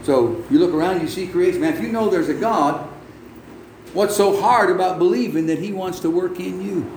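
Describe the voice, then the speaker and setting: A man's voice: high-pitched, moderate pace, a little mellow. A man preaching a folksy, exclamatory sermon full of "amen" and "man". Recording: echoey room with faint background noise.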